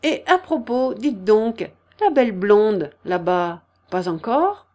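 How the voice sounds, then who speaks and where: A woman playing a loud, jolly bon vivant. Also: lively intonation, a little slow. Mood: bantering. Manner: booming, laughing, cheerful chatter. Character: jovial hearty middle-aged man, loud bon vivant. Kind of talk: audiobook character reading.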